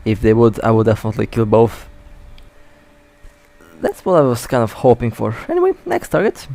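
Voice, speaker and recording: A man's voice: mid-range voice, huge pitch swings, normal speed, gravelly, a little mellow. A man with hiccups giving casual, chatty live commentary while playing a space game, often stumbling and correcting himself. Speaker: mobile space game player.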